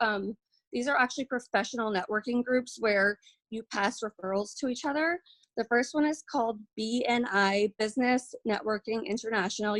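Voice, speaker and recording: A woman's voice: a little high, dry recording. A woman leading an informal team training, talking in a chatty way with many fillers and restarts, and saying she feels shy and nervous. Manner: self-described shy and nervous. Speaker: network marketing team trainer. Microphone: recorded for a video.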